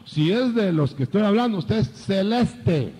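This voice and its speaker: An older man preaching a sermon, lively, acting out biblical dialogue in changing voices. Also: sits high, a little slow, slightly rough, in a large hall.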